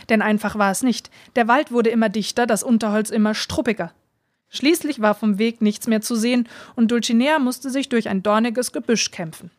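A woman reading a children's storybook aloud in a clear, measured way. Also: on the high side, no room sound. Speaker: reader.

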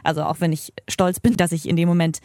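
A woman's voice: fairly low pitch, steady tone, fast, darkish tone, no echo, clean studio sound. A woman hosting a podcast, telling stories in a blunt, emphatic way and swearing freely. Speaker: podcast host. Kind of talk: casual chat.

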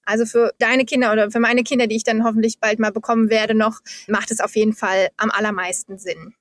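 High-voiced woman explaining with enthusiasm. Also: level tone, fast talker. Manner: explains figures steadily and enthusiastically. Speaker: guest, founder of a forest project. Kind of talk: interview answers.

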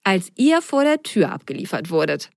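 A woman voicing a friendly, imaginative young girl in a storybook reading, warm and eager. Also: on the low side, sing-song, normal speed, gravelly, dry recording, studio quality.

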